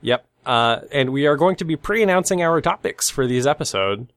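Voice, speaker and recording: A man's voice: fairly high pitch, expressive, moderate pace, a bit bright, no room sound, studio quality. A man with a slightly nasal, stuffed-up voice from a cold, co-hosting a casual podcast. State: congested from sneezing. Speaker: podcast co-host.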